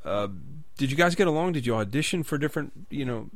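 A man's voice: mid-range voice, expressive, fast, no echo. A man from the United States interviewing a musician, asking long, rambling questions full of fillers and restarts.

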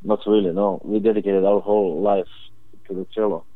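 A man's voice: lowish voice, little pitch movement, dry recording. Earnest young man on a tinny phone line. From Croatia. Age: young adult. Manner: plain, earnest, halting phrasing. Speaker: cellist guest. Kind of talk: interview answers.

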